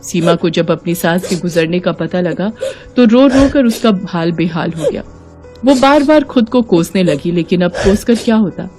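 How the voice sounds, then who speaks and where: A woman narrating a cartoon moral story in an even, measured storytelling voice. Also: lowish voice, faint music behind.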